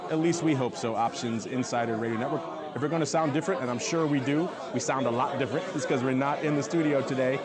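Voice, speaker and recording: A man hosting a live panel show from a conference, talking casually and jokingly. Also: medium pitch. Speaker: show host. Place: live trading conference, away from the studio. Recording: busy live event crowd noise. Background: crowd chatter.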